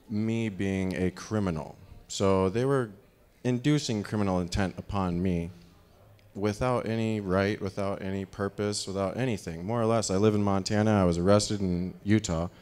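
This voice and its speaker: A deep-voiced man in his thirties gives a rambling live talk on a dark stage, holding a handheld microphone. His tone is clean, and his speech is full of fillers.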